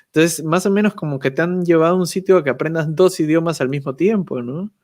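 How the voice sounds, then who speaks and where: A man's voice: a little high, fast talker, darkish tone. A man chatting as a guest on a video call, thoughtful and self-deprecating, often ending phrases with a questioning "right?". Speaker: guest YouTuber. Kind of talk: casual chat.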